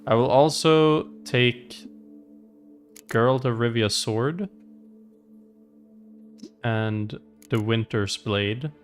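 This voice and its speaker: A game streamer muses to himself while playing, offering casual commentary in a mid-range voice with drawn-out words and long pauses. His voice sits over the game music playing in the background.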